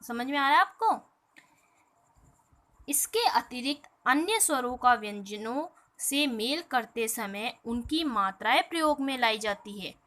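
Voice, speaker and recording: A woman teaching a primary school lesson, explaining slowly, drawing out letter sounds and asking questions she answers herself. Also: fairly high pitch, expressive, fairly bright tone. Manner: explains slowly, often asks and answers her own questions; addresses pupils as "beta". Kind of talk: recorded online class lesson.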